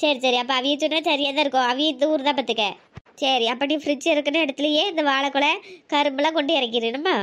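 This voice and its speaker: A bossy, nosy old grandmother from a village cartoon, played by a woman, scolding in a broad Tirunelveli Tamil accent. Her voice sits very high and thin, pitched far above a normal woman's speech. She calls out loudly and teases everyone around her. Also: fairly even intonation, quick pace. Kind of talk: cartoon comedy voice acting.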